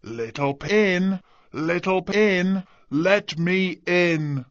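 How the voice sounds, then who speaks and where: A woman voicing a slow, good-natured male wolf in a storybook, calling out in long drawn-out words. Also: on the low side, no room sound, dull audio.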